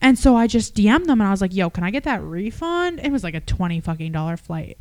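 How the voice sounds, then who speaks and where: Smooth-voiced young woman, profane and animated. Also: medium pitch, quick pace. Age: 20s. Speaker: podcast co-host. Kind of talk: casual chat.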